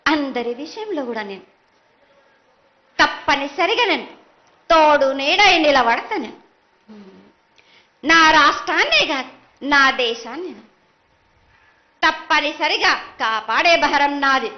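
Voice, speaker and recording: A woman's voice: high-pitched, animated, unhurried, pauses often, dull audio. A woman speaking as a goddess oracle, delivering ritual prophecy in a solemn, commanding, declamatory way. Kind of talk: ritual prophecy, chanted pronouncements.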